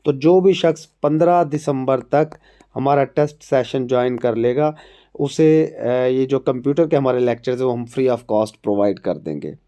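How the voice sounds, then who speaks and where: A man with a Pakistani Urdu accent and a sore throat gives chatty exam and job updates as an academy instructor, speaking directly to his viewers. His voice is medium-pitched and warm, at a normal speed, and his manner is conversational.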